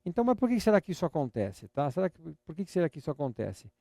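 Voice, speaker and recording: Older Brazilian teacher, slightly high voice. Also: male voice, very animated, quick pace, warm tone, no room sound, clean studio sound. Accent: Brazilian Portuguese. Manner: patient, repetitive drilling with playful teasing. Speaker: English teacher. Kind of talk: live online lesson.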